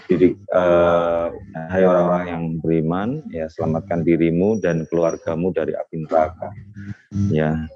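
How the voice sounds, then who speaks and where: A man in his forties with a very low voice gives a webinar talk to parents. He speaks in an unhurried, hesitant way and leans on fillers and tag questions. The sound is dull and lo-fi, as over a video call. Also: a little mellow. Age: 40s.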